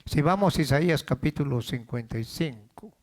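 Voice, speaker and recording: Male pastor, sermon in a church, slightly high voice, repeats words, throws questions at the congregation. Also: lively intonation, moderate pace. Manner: preaching, calls out questions to the congregation; repeats words while building up.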